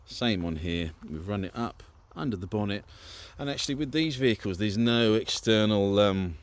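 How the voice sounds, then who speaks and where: Talking at a moderate pace in a lowish voice, a British vehicle owner gives a chatty, informal walk-through of an installation to a handheld camera or phone. The recording sounds dry.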